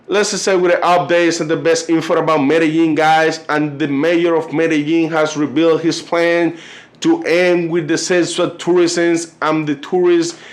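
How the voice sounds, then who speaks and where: A native Spanish speaker from Cartagena, Colombia, vlogs casually to camera in a fairly high voice with a Colombian Spanish accent. He rambles loosely, filling gaps with constant "you know" and "like", and stumbles when reading aloud in this easygoing video chat.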